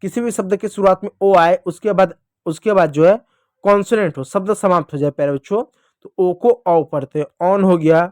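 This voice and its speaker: A man teaching English to children, slowly drawing out spelling drills and prompting the kids to repeat. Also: sits high, a little mellow, no echo, clean studio sound. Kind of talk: classroom-style teaching lesson.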